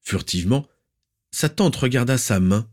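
A man reading a dramatic story aloud in measured storytelling. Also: mid-range voice, expressive, a little mellow. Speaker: audiobook reader.

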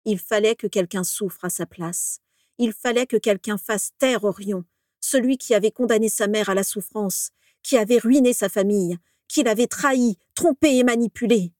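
A woman reads a story aloud with measured, dramatic pacing. Her voice sits at a middle pitch and is recorded dry and close, with no room sound. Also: a little mellow, no echo. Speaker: narrator. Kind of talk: scripted narration of a story.

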